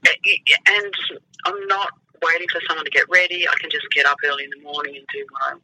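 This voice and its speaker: Middle aged lady chatting, very bright forceful voice, wry, keeps restarting her sentences. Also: deep voice, fast talker, slight background noise, low-quality recording. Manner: hesitant starts, repeats words, wry. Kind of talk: casual chat.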